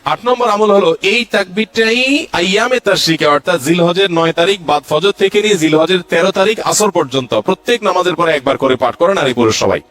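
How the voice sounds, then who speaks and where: A man's voice: high voice, a little fast, fairly bright tone. A male Islamic preacher giving a religious lecture, going through numbered points and reciting Arabic verses.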